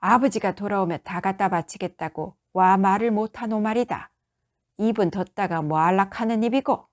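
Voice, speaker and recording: A woman voicing a loud, drunk one-armed middle-aged father who scolds in a Gyeongsang accent. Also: medium pitch, normal speed, natural voice. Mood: drunken scolding. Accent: Gyeongsang dialect. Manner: shouting, slurred scolding.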